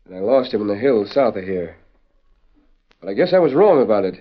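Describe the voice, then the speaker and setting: A man's voice: on the low side, sing-song, fairly quick. A man playing a plainspoken, suspicious small-town sheriff in an old radio western, full of folksy frontier slang. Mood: wary, suspicious. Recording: dull lo-fi old radio recording.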